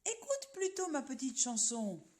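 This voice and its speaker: A woman's voice: high voice, wildly swooping pitch, unhurried, heavily acted. A woman voicing a cheerful, proud little runaway pancake in a children's story, singing her little rhyme. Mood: singsong proud. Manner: singsong, bright and bouncy.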